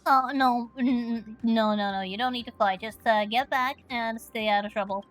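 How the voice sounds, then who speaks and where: A woman's voice: fairly high pitch, fairly even intonation, slow, slight background noise. A woman giving casual commentary as she plays through a game.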